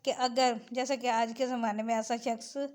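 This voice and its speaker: Her pitch fairly high and her tone a little mellow, a Pakistani-accented law lecturer gives a flat-delivered explanatory lesson. She moves between Urdu-Hindi and English and slows down as she reads clauses aloud.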